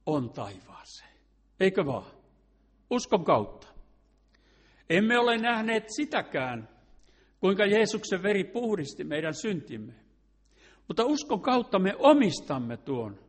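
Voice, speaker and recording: An earnest man delivers a sermon, his voice sitting a little higher than most men's. He leans on rhetorical questions and now and then restarts a phrase as he works through his point. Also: slightly rough. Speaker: preacher.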